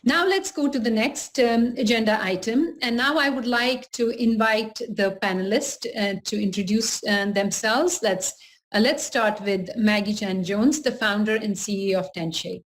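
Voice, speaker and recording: A woman moderating a live webinar, enthusiastic but halting, with many fillers. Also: mid-range voice.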